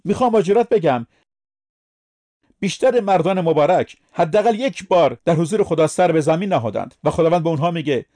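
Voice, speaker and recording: Guy preaching a sermon, pretty high voice, emphatic, keeps asking the crowd questions. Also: animated, dark tone. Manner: emphatic, asks the listeners questions.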